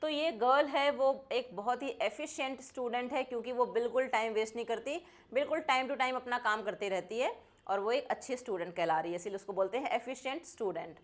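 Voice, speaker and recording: A woman teaching a children's vocabulary lesson, mixing Hindi explanation with slow, carefully spoken English example sentences. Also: on the high side. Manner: mixes Hindi and English, reads English sentences slowly and deliberately.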